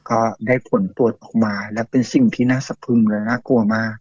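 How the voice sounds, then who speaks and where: A man's voice: mid-range voice, little pitch movement, quick pace, a little mellow, no room sound. Guy telling a ghost story all casual and chatty, dry close sound, kinda dull and muffled. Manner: chatty, with many fillers, acting out quotes. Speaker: guest storyteller.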